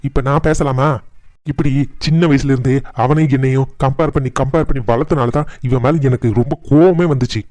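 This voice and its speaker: A man's voice: mid-range voice, a little mellow, no echo, lightly acted. Guy doing a bitter sneering cartoon son, young troublemaker, dry close voice. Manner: sneering, spiteful.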